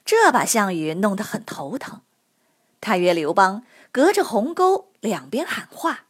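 A woman narrating history stories for children in a lively, expressive storytelling manner. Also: mid-range voice, unhurried, husky.

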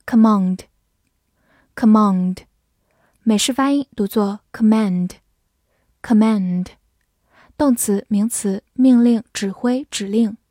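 A woman narrating a scripted vocabulary lesson, saying each English word twice and then defining it slowly. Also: fairly high pitch, mellow, no echo, studio quality.

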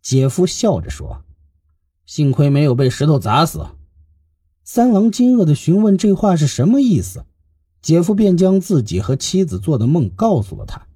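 Dark husky male storyteller. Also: high voice, normal speed, no room sound, studio quality. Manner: lively expressive reading. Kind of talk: scripted narration of a classical tale.

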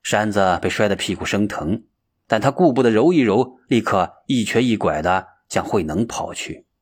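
A man narrating a story as an audiobook, reading in an expressive, dramatic way. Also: fairly low pitch, normal speed, husky.

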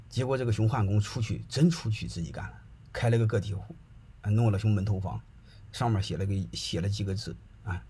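Lowish and darkish in tone, this middle-aged man's voice carries a little hiss or hum. He spins casual stories for an audience in a colloquial way, frequently asking if they're following along.

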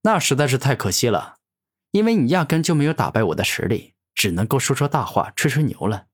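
A mocking young male hero, played by a man in a fantasy audio story. He taunts his foe with cool self-assurance, and his voice is lively and full of swings. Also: mid-range voice, fairly quick, breathy edge.

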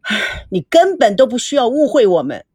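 A woman's voice: a little high, sing-song, moderate pace, a little mellow, breathy edge, no room sound, studio quality, voice pushed up. A woman voicing a sly young woman who plays the wronged friend with an aggrieved, wheedling tone.

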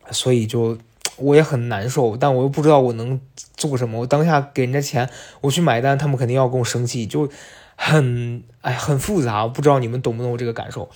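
A man's voice: mid-range voice, darkish tone. A young man hosting a podcast, telling a personal story in a chatty, confiding way and speaking straight to his listeners. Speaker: podcast host. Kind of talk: casual storytelling monologue.

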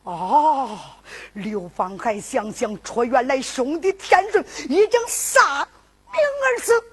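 High-voiced Henan zhuizi storyteller woman. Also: takes it slowly, breathy edge. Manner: lively sung-spoken narration, rhythmic.

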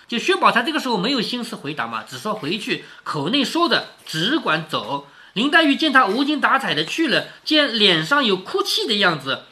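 A man's voice: high-pitched, pushed and bright. A middle-aged man reading a classic novel aloud to his daughter in a casual way, stopping often to explain and to ask rhetorical questions. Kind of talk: casual read-aloud with commentary.

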